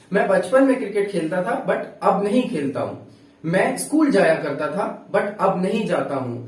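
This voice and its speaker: A man's voice: sits high, darkish tone, roomy sound, distant mic, poor audio. A man teaching a grammar lesson, explaining patiently and dictating example sentences word by word. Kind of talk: classroom-style grammar lesson.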